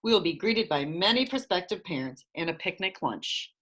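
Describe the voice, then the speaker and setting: A woman voicing an older nun in charge of orphan children in a storybook reading, speaking in a slow, measured, announcing way. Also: fairly low pitch, lively intonation, fairly bright tone.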